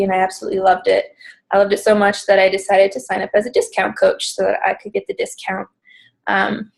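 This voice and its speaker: A woman's voice: mid-range voice, rough recording. Slightly breathless woman leading a team call. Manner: casual, many ums and restarts. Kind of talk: pre-recorded team coaching call.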